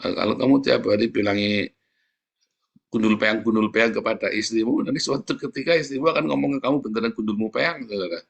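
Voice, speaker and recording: A man's voice: on the low side, fast, vocal fry. A man preaching a sermon, joking with the congregation and often calling out to them directly. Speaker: pastor.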